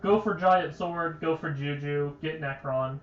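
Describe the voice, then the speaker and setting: A man's voice: on the high side, steady tone, measured pace, reverberant, highs cut off, slight background noise. A young man chatting casually on a game livestream, rambling and stuttering, with lots of "like" fillers. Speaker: game streamer.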